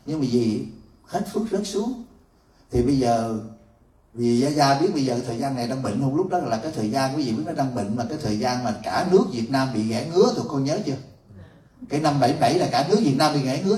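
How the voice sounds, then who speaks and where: A man's voice: medium pitch, a little mellow. A man, a Buddhist monk telling a story in an evening sermon, laughing often as he speaks. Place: temple hall. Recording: roomy hall from far off.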